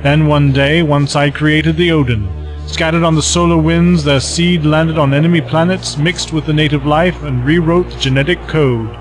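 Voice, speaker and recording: A man's voice: fairly high pitch, fairly even intonation, normal speed, natural voice, low-quality recording. An actor playing a scheming male villain who mocks and gloats in a theatrical way. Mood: gloating. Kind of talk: fan audio drama acting. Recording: music under the voice.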